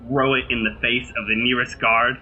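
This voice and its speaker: A man playing a tabletop game, describing his character's actions slowly and dramatically. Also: mid-range voice, little pitch movement, narrow, tinny audio. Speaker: player. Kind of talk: tabletop role-play.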